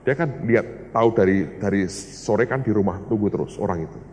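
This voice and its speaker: A man's voice: lowish voice, animated, a little fast, darkish tone. A male pastor preaching a sermon, telling stories and briefly acting out other people's voices. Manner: storytelling, acting out voices in bursts. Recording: reverberant hall, faint noise.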